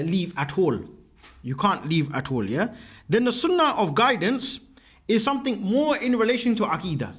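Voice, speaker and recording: A man's voice: sits high, a bit bright. A man teaching a class, explaining terms step by step and checking in with students by asking "yeah?". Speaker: religious teacher. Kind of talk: classroom lecture.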